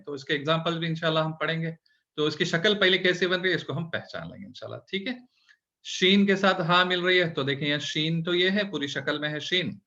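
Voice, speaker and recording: Guy teaching a beginner script class, patient and step by step, bright voice, kinda muffled lo-fi sound. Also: a little high. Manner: patient, explaining step by step, opening with prayers. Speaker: Urdu teacher. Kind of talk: online language lesson.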